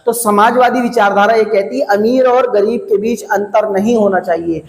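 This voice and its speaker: A man teaching an exam prep lecture, slowly repeating key phrases to drill his students. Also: high-pitched, steady tone, vocal fry. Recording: echoey classroom, long reverb.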